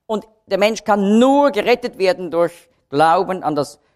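Male Bible teacher, animated intonation, explanatory lecture delivery, emphatic repetition. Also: high voice, unhurried.

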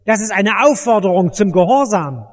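A man's voice: high voice, animated, normal speed. A man preaching an evangelistic sermon at a church service, urgent and commanding, with emphatic repetition. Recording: echoey church hall.

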